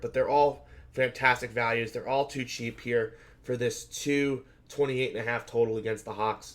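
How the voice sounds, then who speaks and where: Speaking in a mid-range voice made hoarse and scratchy by shouting at a game, a man hosts a solo fantasy basketball betting preview. His talk is casual and filler-heavy as he reasons aloud and corrects himself.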